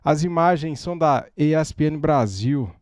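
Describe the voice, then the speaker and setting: Brazilian man, fan reaction host: high, swooping, agitated, dry close sound. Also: normal speed, darkish tone, no echo. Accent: Brazilian Portuguese. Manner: agitated, exclaiming, repeats "cara". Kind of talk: emotional fan reaction commentary. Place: at home.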